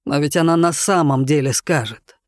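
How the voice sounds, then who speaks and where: A man's voice: on the high side, normal speed, dry recording, studio quality, natural voice. A man reading as a stern, blunt wolf. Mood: conspiratorial. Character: stern, loyal grown wolf, gruff and blunt.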